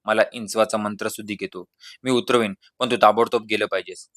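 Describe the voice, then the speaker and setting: Brash village exorcist, middle-aged man, coaxing and bossy, played by the male narrator; low, dry. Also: steady tone, a little fast, a bit bright, no echo, lightly acted. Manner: coaxing, then bossy and showy. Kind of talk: storybook reading.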